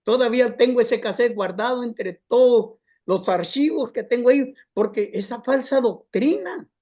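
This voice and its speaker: A man preaching to his congregation in an impassioned, storytelling way. His voice sits notably high for a man, and he calls his listeners brothers as he builds his point. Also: normal speed, a little mellow. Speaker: pastor. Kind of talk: storytelling sermon.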